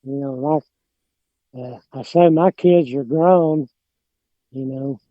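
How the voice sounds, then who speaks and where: A man's voice: mid-range voice, slow pace, no echo, narrow, tinny audio. A middle-aged man with an Appalachian mountain accent chatting casually, rambling and hesitant, often trailing off. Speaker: podcast guest, lawn care business owner. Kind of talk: casual chat.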